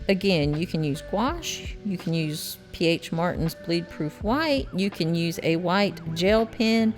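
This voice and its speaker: Middle-aged Southern woman, folksy art teacher, low-pitched and chatty, faint music bed. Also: a little slow. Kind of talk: painting tutorial voice-over.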